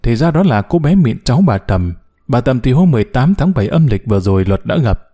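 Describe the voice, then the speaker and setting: Guy reading a novel audiobook, warm mellow voice, expressive. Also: medium pitch, fairly quick. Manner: expressive storytelling. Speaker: narrator.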